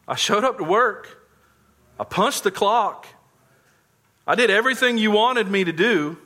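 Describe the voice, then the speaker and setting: Role of a resentful young elder son, whiny and indignant, pitched high, put on by a male preacher. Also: lively intonation, unhurried, pushed and bright, exaggerated voice.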